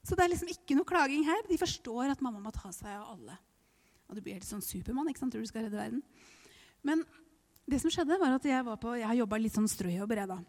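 Woman preacher, middle-aged, fairly high voice, emotional testimony, whispers at times, long hall reverb. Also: expressive, a little mellow. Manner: emotional, tearful laughter, drops to whispers. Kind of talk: personal testimony sermon.

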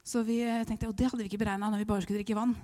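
A woman's voice: medium pitch, little pitch movement, dark tone. A middle-aged woman preaching a personal testimony, emotional, laughing through tears and dropping to whispers. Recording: hall reverb.

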